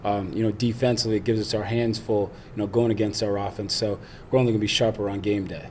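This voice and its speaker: A man's voice: on the low side, fairly even intonation, fast, darkish tone, slight background noise. A man, a football player, answering interview questions in a rambling way full of fillers.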